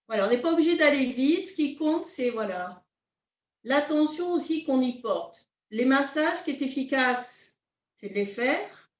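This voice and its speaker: A woman teaching a beginners' qi gong class, calmly guiding her students step by step. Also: high voice. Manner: calm, unhurried, step-by-step guidance. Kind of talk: guided class instruction. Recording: roomy, distant, dull sound.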